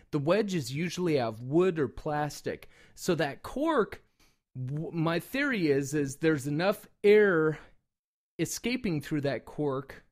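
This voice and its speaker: Male reviewer, somewhat high voice, informal and loosely rambling, everyday hobbyist review delivery. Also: a little mellow. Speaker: product reviewer and call maker. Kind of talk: casual product review talk.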